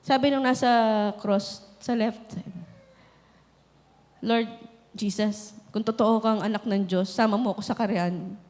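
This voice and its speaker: A woman pastor preaching a sermon, moving from quiet, conversational storytelling to shouted exhortation. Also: mid-range voice, steady tone, unhurried. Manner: preaching in mixed Tagalog and English, building to shouted exhortation. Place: large church hall. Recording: reverberant hall.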